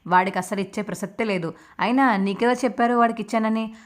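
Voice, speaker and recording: A woman's voice: fairly high pitch, fast talker, voice pushed up, natural voice. A woman voicing a stern, dismissive older moneylender man, curt and scornful.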